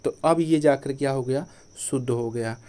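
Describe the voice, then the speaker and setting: A man's voice: mid-range voice, moderate pace, a little mellow. A man teaching an exam-prep Hindi grammar lesson, who repeats each point as a question to the class and then answers it himself.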